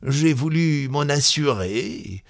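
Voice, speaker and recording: A man voicing a stern gentleman who presses a peasant woman with insistent questions. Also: fairly high pitch, expressive, takes it slowly, no echo, clean studio sound, voice pushed up, heavily acted.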